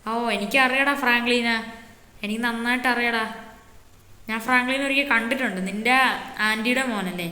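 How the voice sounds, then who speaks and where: A woman's voice: a little high, a little fast, pauses often, bright, forceful tone. A woman voicing an easygoing adult man, showing off his city in a game role-play with a boastful, teasing big-brother tone. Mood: casual. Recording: echoey roomy reverb.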